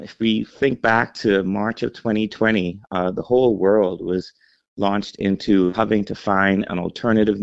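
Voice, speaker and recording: Bahamian-raised man, very low and gravelly voice, measured interview guest; dull lo-fi recording. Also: no echo. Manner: measured, explanatory with frequent fillers. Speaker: healthcare executive guest. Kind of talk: interview answers.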